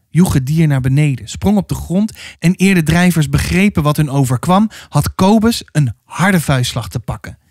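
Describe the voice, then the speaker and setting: A man's voice: a little high, no echo. Man narrating a novel, dry close sound. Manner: steady, dramatic storytelling. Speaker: narrator reading a novel aloud. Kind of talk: audiobook narration.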